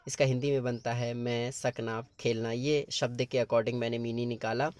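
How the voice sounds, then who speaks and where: A man's voice: mid-range voice, little pitch movement, moderate pace, a little mellow, clean tone, no room sound. A male teacher explaining grammar patiently, step by step, in a classroom-lesson style. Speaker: English teacher.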